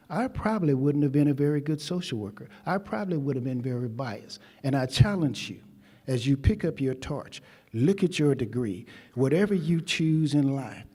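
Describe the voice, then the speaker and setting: An older man from Texas gives a commencement speech, weaving folksy stories into an emphatic address. His voice is mellow and dark. A long reverb from the ceremony hall trails behind each phrase. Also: medium pitch, husky. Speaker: convocation speaker.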